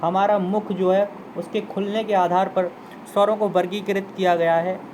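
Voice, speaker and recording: A man's voice: sits high, flat delivery, normal speed, a little mellow, slight background noise, poor audio. Male Hindi teacher sounding out vowels. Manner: repeats terms and sounds out example vowels; addresses students directly, invites them to try. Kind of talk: classroom lesson explanation.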